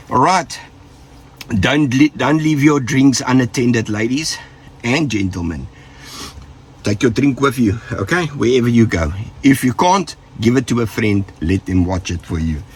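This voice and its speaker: A South African man who vlogs is ill with the flu, so his lowish voice comes out rough, with a faint hiss or hum in the recording. Casual and joking, he shares safety tips with viewers before rambling away in trailing asides.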